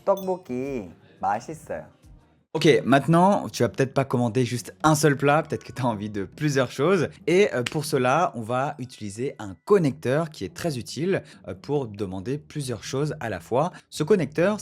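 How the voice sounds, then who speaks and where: Lively man teaching Korean phrases. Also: mid-range voice, normal speed. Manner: explains in French, models short Korean phrases; acts out little restaurant scenes, playing both customer and waiter. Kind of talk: casual video lesson. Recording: faint background music.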